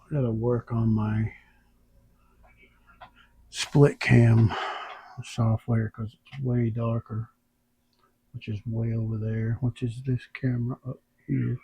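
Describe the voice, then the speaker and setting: A man with a gravelly, very dark voice talks to himself while he airbrushes in a home workshop. He mutters and thinks aloud, fighting off the hiccups, and his husky tone sits close and dry on a tablet camera. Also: mid-range voice, flat delivery, takes it slowly, pauses often, no room sound. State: has the hiccups. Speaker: airbrush artist. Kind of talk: casual talk while working. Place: home workshop under overhead lights.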